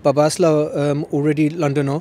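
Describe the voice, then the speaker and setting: A man in his forties with an East London accent touched by Sylheti Bengali speaks haltingly in an interview, full of fillers, and mixes his languages freely. His voice sits a little high for a man. A faint hiss of background noise runs under him. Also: completely flat delivery, dark tone. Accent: East London English with Sylheti Bengali. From Bangladesh. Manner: hesitant, many ums, switches between English and Sylheti. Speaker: photographer. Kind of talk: news interview.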